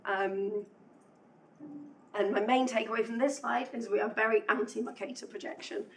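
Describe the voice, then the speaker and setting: A woman's voice: medium pitch, steady tone, moderate pace, distant mic, rough recording. A woman gives a technical talk in a lecture room, her voice fraying as she loses it. She is chatty and self-deprecating, filling gaps with ums. She sits a little back from the mic, with a faint hum in the room. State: losing her voice. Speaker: conference speaker.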